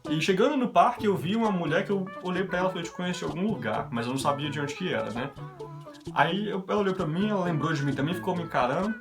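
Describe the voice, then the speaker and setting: A young vlogger from Brazil tells his viewers everyday stories in a casual, chatty way, delivering quotes from others in his own voice. He speaks rapid-fire in a high-pitched voice, and background guitar music accompanies him.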